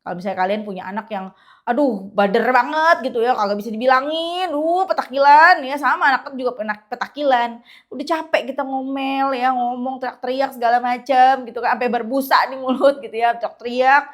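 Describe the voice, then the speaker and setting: A young woman giving a casual, animated religious pep talk to her viewers. She often slips into quiet quoted prayers. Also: high voice, fairly quick. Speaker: religious content creator.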